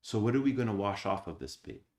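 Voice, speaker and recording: A man, an abbot, giving a Zen Dharma talk, reading old texts slowly and then explaining them with rhetorical questions. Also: on the low side, animated, a little mellow, reverberant.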